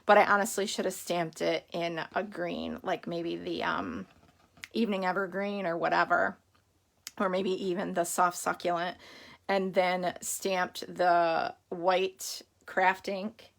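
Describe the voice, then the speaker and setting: Middle-aged lady rambling thru a craft livestream, bit of vocal fry, hiccuping, says hi to folks by name. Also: fairly low pitch, level tone, slow pace. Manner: chatty, rambling, greets viewers by name. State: has the hiccups. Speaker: stamping demonstrator hosting a live stream. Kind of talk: casual live-stream craft demo.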